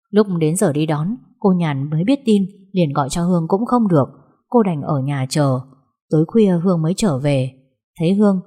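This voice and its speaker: A woman narrating a family drama story in a steady, even reading voice. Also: lowish voice, husky.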